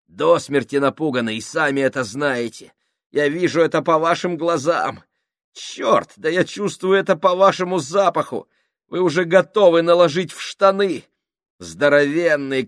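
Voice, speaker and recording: A man voicing an unhinged male crewman who rants and giggles in a high, trembling way. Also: fairly bright tone, no room sound, studio quality.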